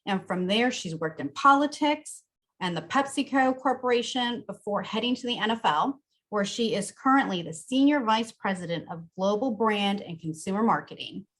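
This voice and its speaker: A woman's voice: medium pitch, expressive, moderate pace, a bit bright. A woman hosting a talk show, introducing her guest with enthusiasm and easing into the interview.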